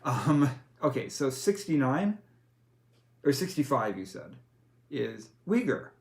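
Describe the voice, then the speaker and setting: Slowly and with big pitch swings, a man with a gravelly mid-range voice walks a player through tabletop character creation. He's the game master, explaining the rules step by step, patient but prone to fillers and self-corrections.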